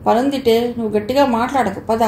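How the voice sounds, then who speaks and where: A bossy middle-aged mother who is worried about appearances and scolds sharply, as a woman reader voices her. The voice is fairly high and mellow, in an echoey room with faint noise behind it. It comes from a storybook reading. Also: fairly even intonation, fast talker, lightly acted. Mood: scolding.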